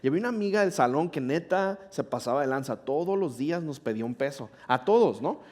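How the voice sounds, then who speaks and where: Mexican pastor guy, kinda high voice, chatty storytelling sermon, keeps asking the crowd stuff. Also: fast. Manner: chatty, animated storytelling, asks the audience often. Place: church hall.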